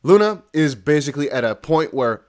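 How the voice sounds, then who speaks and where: A Dutch crypto news streamer from the Netherlands chats with his viewers in a casual, emphatic livestream, speaking in a slightly high, darkish voice at a moderate pace. He is animated and talkative, repeating his points and addressing the audience directly.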